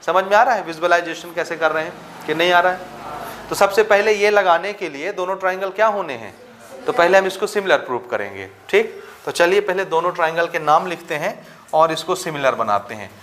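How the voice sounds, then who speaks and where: A man with a fairly high voice explains a geometry problem at a steady teaching pace. He keeps checking whether his students follow and drops into English for the technical terms. A faint hiss sits under his voice. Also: fairly quick. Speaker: maths teacher. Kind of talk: blackboard-style maths lesson.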